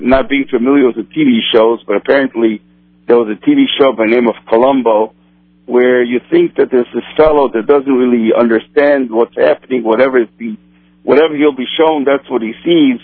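Over a dry, tinny phone line, a kosher supervisor from Brazil answers interview questions in a medium-pitched voice with no echo. A native Portuguese speaker, he halts often and restarts his sentences many times.

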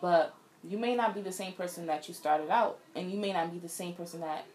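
A young woman co-hosting a podcast, giving relaxed, thoughtful relationship views in casual chat. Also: on the low side, brisk, slight background noise. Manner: relaxed, reflective advice-giving. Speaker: podcast co-host.

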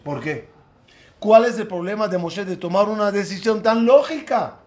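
A man's voice: high voice, animated, normal speed, darkish tone. A man, a rabbi, giving a Torah lesson to a class, putting questions to his listeners and acting out the dialogue in the stories he tells. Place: room with a live class.

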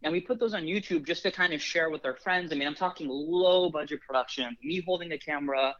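Casual chatty young guy, bright sound, a bit muffled, lots of likes and restarts. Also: a little high, quick pace. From Los Angeles. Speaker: film producer. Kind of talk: casual storytelling.

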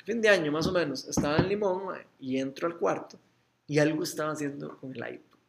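A man's voice: on the high side, fairly quick, vocal fry, a little hiss or hum. A middle-aged Costa Rican man, a father, telling a faith story in casual chat with many restarts. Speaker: father sharing a testimony.

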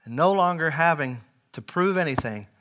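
A man in his forties preaching a sermon, earnest, rising loud on key lines and dropping quiet after. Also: fairly high pitch, expressive, moderate pace. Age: 40s.

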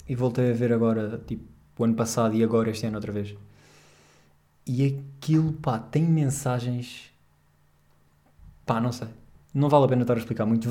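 A young man with a European Portuguese accent hosts a casual podcast, rambling along with jokes and slang. His voice is mid-range and mellow.

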